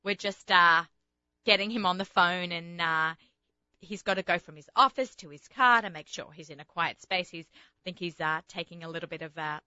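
She's a chatty radio host whose Australian accent carries a touch of American, rambling along with many fillers in casual radio talk. Her fairly low voice is bright and forceful at a moderate pace, recorded with no room sound and the highs cut off.

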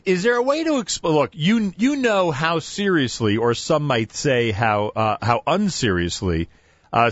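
A man's voice: mid-range voice, no room sound. Man asking rambling questions, dull sound. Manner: long rambling questions with restarts. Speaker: radio host. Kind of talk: radio interview. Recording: dull, dry radio studio sound.

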